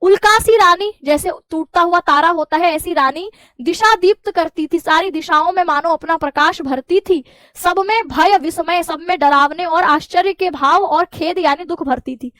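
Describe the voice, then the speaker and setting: A woman teacher walks through a poem line by line. She reads each verse slowly, then restates it in everyday words, often checking in with "है ना". The sound is close and dry, with no room around it. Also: very high-pitched, fairly bright tone, no echo. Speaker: Hindi teacher.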